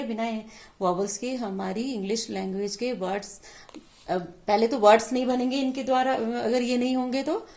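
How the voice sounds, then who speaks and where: A woman's voice: fairly high pitch, darkish tone. A woman teacher explaining English vowels, sounding out each word syllable by syllable and repeating it. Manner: mixes Hindi explanation with English words. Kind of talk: slow classroom lesson on vowel sounds.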